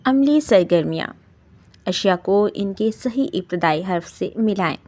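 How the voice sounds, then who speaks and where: A woman teaching a lesson to young children, slowly sounding out letters and words. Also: medium pitch, expressive, darkish tone.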